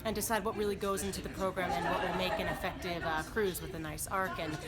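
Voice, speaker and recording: An upbeat, chatty woman answering informal interview questions as a cruise director, with loud music behind her. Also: lowish voice, steady tone, quick pace, over a noisy crowd.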